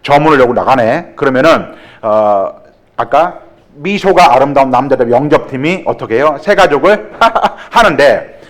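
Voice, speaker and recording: A man preaching at a church seminar, animated and joking as he acts out greetings and dialogue. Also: medium pitch, moderate pace. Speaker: guest pastor leading a church growth seminar. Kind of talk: seminar-style sermon with acted examples and jokes. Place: church sanctuary.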